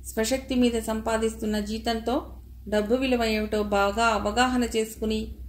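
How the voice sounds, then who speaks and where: A woman's voice: fairly high pitch, fairly even intonation, moderate pace, a little hiss or hum. A woman narrating a novel as an audiobook reader, voicing the characters' dialogue in her own voice without much acting.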